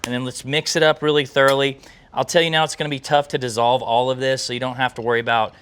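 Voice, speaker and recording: A cooking channel host talks to camera with folksy, casual enthusiasm for his viewers. His mid-range voice is fast and fairly bright, though his delivery is flat, and there's slight background noise.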